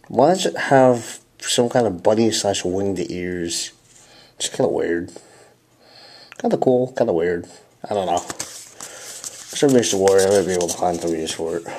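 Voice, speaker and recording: A man's voice: deep voice, a little mellow. A young man hosting a casual unboxing at home, talking offhandedly as if half to himself. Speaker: video host opening card packs. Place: indoors at a table at home. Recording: noisy home recording, wrapper crinkling. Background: crinkling packs, clicks, clear noise.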